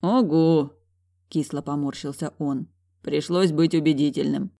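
Higher-voiced man narrating an audiobook. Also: normal speed. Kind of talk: first-person audiobook narration with acted dialogue.

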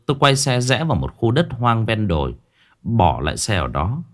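A man narrating a first-person story in a gruff, dramatic way. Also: lowish voice, lively intonation, normal speed. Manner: gruff and dramatic, acting out his own shouted lines.

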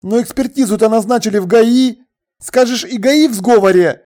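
An audiobook reader voicing a flustered young man in trouble, defensive and hurried. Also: mid-range voice, mellow, pitched above the performer's own voice, natural voice. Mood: urgent. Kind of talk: audiobook dialogue.

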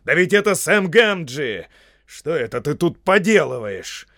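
A man's voice: medium pitch, sing-song, a little slow, dry recording, studio quality. A man voicing a stern old male wizard who speaks in a commanding manner, in an audiobook. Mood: startled.

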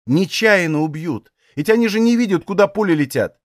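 A fiery young Cossack woman, urgent and sharp-tongued, read by a man putting her on. The voice rides high with lively swings, in a dry close sound. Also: brisk, no room sound. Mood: pleading. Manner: urgent, snappish.

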